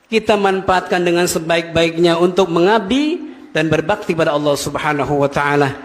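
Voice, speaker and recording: A man preaching a Friday sermon, telling stories with animated, emphatic rises. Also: on the high side, normal speed. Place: mosque. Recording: echoey hall.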